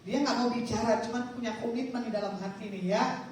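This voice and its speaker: Woman pastor, preaching, animated and teasing, echoey hall, faint noise. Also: a little high, a little fast, distant mic. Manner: animated, coaxing, teasing the congregation. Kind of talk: sermon and prayer ministry. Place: church hall.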